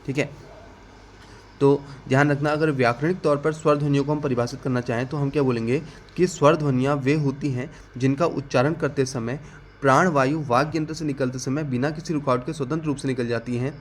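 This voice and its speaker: A man teaching an exam-prep grammar lesson, asking the class questions, answering them himself, and repeating key definitions slowly. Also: medium pitch, fairly even intonation, a little hiss or hum.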